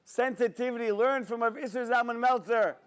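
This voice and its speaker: A man giving a sermon as a rabbi, an animated storyteller who talks straight to his audience. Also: extremely high pitch, brisk, smooth. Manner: animated storyteller, acts out dialogue, addresses audience directly.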